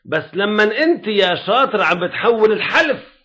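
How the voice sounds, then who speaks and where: A man's voice: high-pitched, lively intonation, a little fast, bright, forceful tone, highs cut off. A man with a Lebanese Arabic accent teaching religious law in a classroom lecture, often checking that his students follow.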